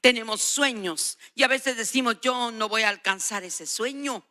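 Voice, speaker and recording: A guest preacher in her sixties or older delivers a sermon, emphatic and exhorting, repeating phrases to give them weight. Her voice is on the high side, bright and forceful, at a moderate pace.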